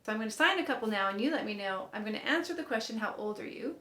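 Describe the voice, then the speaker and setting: Very fast and lively, her slightly high voice pushed and bright, a woman in her fifties counts aloud while showing signs in a sign language lesson. The room echoes, and she stays upbeat and encouraging, laughing at her slips.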